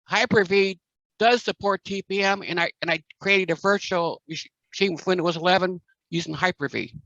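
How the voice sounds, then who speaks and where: A man explaining a technical setup in a halting way with many fillers, heard through a staticky, breaking-up online call. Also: sits high, creaky, sharp tone, no room sound, dull audio. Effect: staticky, breaking-up call audio. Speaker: workshop participant. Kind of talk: casual technical Q&A. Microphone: computer call connection.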